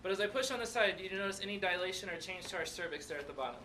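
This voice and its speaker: A man teaching a classroom demonstration, animated and often checking in with "right?" and "okay?". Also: sits high, very fast. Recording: distant camera mic, noisy room.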